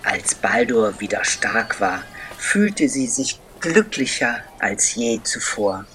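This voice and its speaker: A man telling a children's story as scripted narration, slow and deliberate with dramatic pauses. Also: on the low side, animated, pushed and bright, a little hiss or hum.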